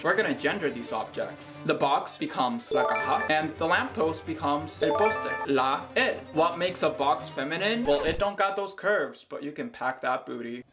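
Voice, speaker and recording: A young man, a native Spanish speaker, hosting a comedic commentary video in a sarcastic, exaggerated ranting manner. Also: a little high. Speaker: video essay host. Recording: music bed underneath.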